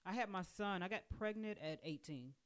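A woman in her forties, appearing as a podcast guest, tells her story in a chatty, warm way, sprinkling in lots of "you know" fillers during a casual group conversation. Her voice is medium-pitched and smooth, at a normal speed.

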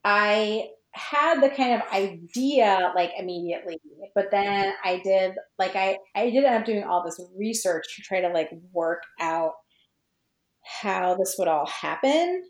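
This podcast guest, a fan fiction writer, speaks at medium pitch in an animated but slightly slow way. Chatting reflectively about her writing, she gropes for words and fills gaps with frequent "like"s. Her voice echoes in a roomy space.

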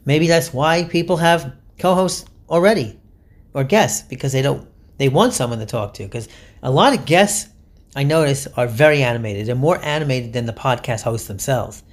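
A man's voice: mid-range voice, normal speed. Chatty candid male podcast host. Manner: chatty, candid, animated, self-deprecating. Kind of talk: solo podcast advice talk.

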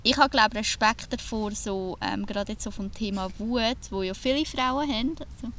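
A woman's voice: fairly high pitch, moderate pace, fairly bright tone, a little hiss or hum. A woman co-hosting a podcast, speaking reflectively and hesitantly in casual chat from inside a camper van. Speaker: podcast co-host.

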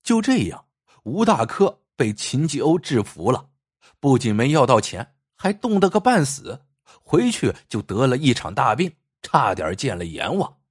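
Male storyteller, husky voice, very animated pitch, dry close sound. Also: a little slow, dry recording. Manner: lively, expressive storytelling. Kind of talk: storytelling narration.

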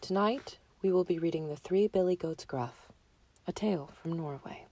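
A woman narrating a fairy tale in a measured, deliberate way. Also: fairly low pitch, mellow. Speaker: storyteller.

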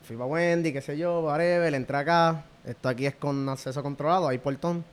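A man's voice: a little high, steady tone, brisk, clean tone. A young Puerto Rican man chatting casually as a podcast co-host, laid-back, swearing often and laughing a lot. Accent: Puerto Rican Spanish. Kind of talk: casual chat.

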